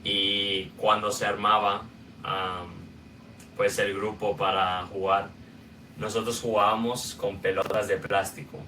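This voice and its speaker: A young man from Guatemala with a Guatemalan Spanish accent, hosting a podcast and telling his own life story in a casual, unhurried way with many filler sounds. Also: on the low side, little pitch movement, bright, forceful tone, far from the mic, slight background noise. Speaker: podcast host. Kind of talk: personal storytelling monologue.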